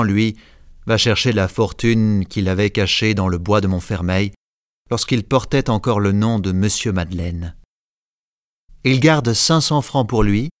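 Low-voiced male storyteller, dry studio sound. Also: no room sound. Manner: measured storytelling, voices characters lightly. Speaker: narrator. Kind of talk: scripted narration.

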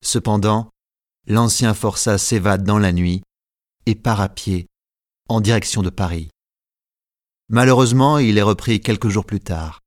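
A man narrating a story as an audiobook, in a measured, clear storytelling delivery. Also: lowish voice, no echo, clean studio sound.

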